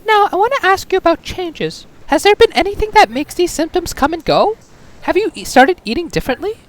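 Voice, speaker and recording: A woman voicing a brisk, upbeat family doctor in a homemade animated drama, explaining in a bright, sing-song way. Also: very high voice, voice pushed up. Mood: cheerful. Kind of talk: amateur machinima voice acting.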